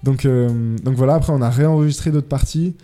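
A young man with a deeply dark, mellow voice tells his story hesitantly, stopping often on fillers. Faint music plays behind him. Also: a little fast. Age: young adult. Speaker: music producer guest. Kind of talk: casual radio interview.

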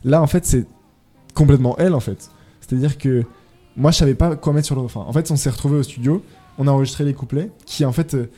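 A young man with a deeply dark, mellow voice tells his story hesitantly, stopping often on fillers. Faint music plays behind him. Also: fast talker. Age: young adult. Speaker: music producer guest. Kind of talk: casual radio interview.

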